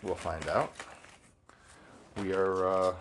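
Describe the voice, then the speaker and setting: Slow, halting man chatting over snacks. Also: deep voice, fairly even intonation, noisy background. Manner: slow, hesitant, many fillers. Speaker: podcast co-host. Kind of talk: casual chat.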